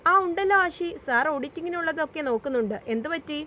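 A woman voicing Rahul, a polite young male office staffer on a call, in a high voice. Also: animated, fast talker, pushed and bright, slight background noise.

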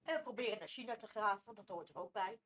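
A woman's voice: mid-range voice, fast, a bit bright, husky. A woman chatting playfully to her dog at home in teasing baby talk, often laughing. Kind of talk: casual vlog talking to a pet.

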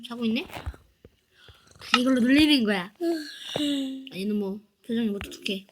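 High-pitched playful woman gamer, noisy recording. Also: a little slow. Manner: playful, chatty, sudden loud squeals. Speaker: game player. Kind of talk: Minecraft-style role-play commentary.

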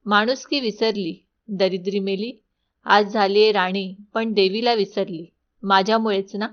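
A poor old woman over sixty scolds with bitter indignation, as a woman narrator reads her part. Middle-pitched, close to the narrator's own voice, in a slightly dull lo-fi recording. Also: close to an everyday voice. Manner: indignant, reproachful.

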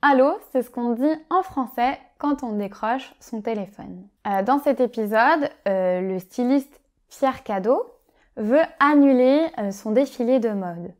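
Woman, French teacher, fairly high pitch, patient and clear, pauses on "euh", vocabulary lesson. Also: a little mellow. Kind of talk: vocabulary lesson explaining phrases.

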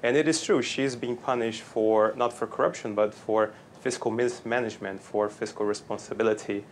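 A man in his thirties with a Brazilian accent, giving measured, explanatory analysis as a guest in a news interview. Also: on the low side, fairly even intonation. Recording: clear ambient background noise.

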